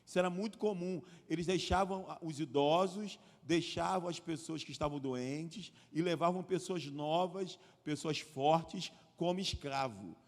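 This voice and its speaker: A man preaching a sermon at a live church service, telling a story and acting out the quoted lines, growing louder as he goes. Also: a little high, a little slow, few pauses. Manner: storytelling, acts out quoted lines, builds in volume. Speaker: pastor. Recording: live church hall reverb.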